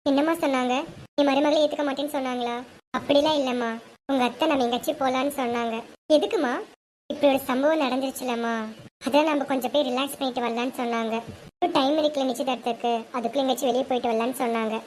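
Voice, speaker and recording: A woman voicing a gentle, weary middle-aged mother in a home-made serial. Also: sits high, steady tone, fast talker. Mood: explaining.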